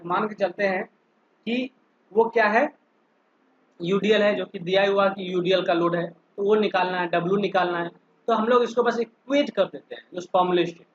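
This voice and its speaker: The recording is muffled, with a faint hiss or hum, as a high-voiced polytechnic lecturer works through an online engineering lesson one step at a time. He constantly checks in with students through questions.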